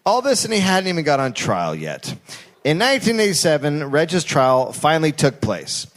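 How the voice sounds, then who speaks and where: Wry storytelling man, lively pitch. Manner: wry, quick asides between story beats. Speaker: comedy podcast host telling a story. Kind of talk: comedic storytelling, reading aloud.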